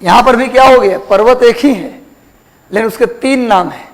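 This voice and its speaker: High-voiced male geography teacher. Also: normal speed, rough recording. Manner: repetitive, asks students questions. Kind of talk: classroom lecture.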